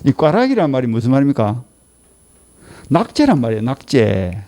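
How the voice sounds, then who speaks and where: A man's voice: mid-range voice, big pitch swings, moderate pace, warm tone, a little hiss or hum. A middle-aged man with a Gyeongsang Korean accent gives an exam-prep law lecture, scolding and teasing his students with rhetorical questions.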